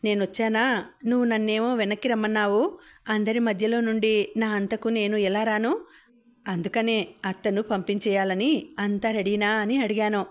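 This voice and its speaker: A woman's voice: mid-range voice, level tone, normal speed, natural voice. A woman voicing a playful, teasing young man in an audiobook.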